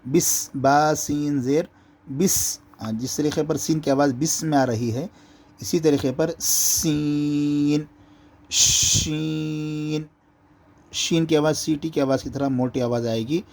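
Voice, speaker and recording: A man teaching Quran reading, explaining letter pronunciation and drawing out each letter slowly to demonstrate. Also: medium pitch, warm tone. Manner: slow, drawn-out letter demonstrations between explanations.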